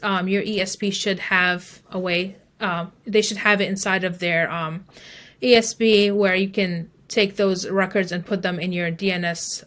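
A woman whose voice sits on the low side with a bit of brightness appears as an email marketing expert in a conversational interview. Her step-by-step explanations are informal and peppered with "like" and "you know".

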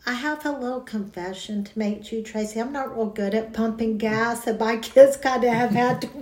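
A woman's voice: on the high side, moderate pace, darkish tone. A woman co-hosting a podcast, chatting casually and telling stories with frequent laughter. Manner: chatty storyteller, laughs often. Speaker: podcast co-host. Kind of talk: casual chat. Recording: roomy echo.

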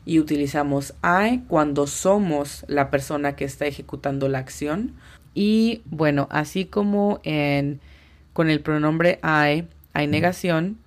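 A woman's voice: low voice, unhurried. A woman teaching English on a podcast, patiently explaining step by step and spelling out pronunciations. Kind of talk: podcast language lesson.

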